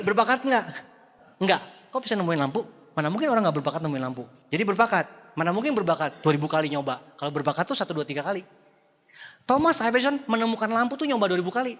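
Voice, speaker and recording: Pria motivator bersuara tinggi, bergema di aula. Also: male voice, high voice. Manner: playful, teasing, animated, with mock dialogues and rhetorical questions. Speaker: motivational speaker. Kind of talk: motivational seminar talk to an audience. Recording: dull echoey hall sound.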